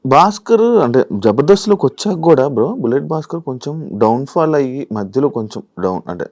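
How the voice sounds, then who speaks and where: A man's voice: medium pitch, sing-song, fairly quick, a little mellow. A man hosting a casual interview, asking friendly, probing questions. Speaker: interview host.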